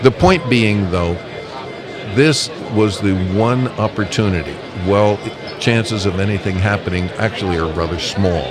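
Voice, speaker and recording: A fairly low-pitched man speaks at a measured pace as a guest in a casual live interview, representing an amateur radio association. He lays out his points emphatically, one step at a time. Music and the chatter of a busy convention crowd are audible behind him.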